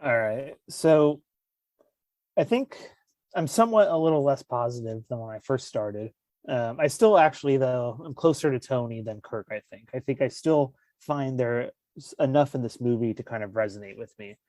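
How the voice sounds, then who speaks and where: A man's voice: mid-range voice, lively intonation, moderate pace, a little mellow, no echo. A man with a mid-range voice chatting on a movie podcast. He peppers almost every phrase with fillers. The sound is dry and close. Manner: filler-heavy, says "like" constantly. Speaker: podcast co-host. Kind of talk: casual movie discussion.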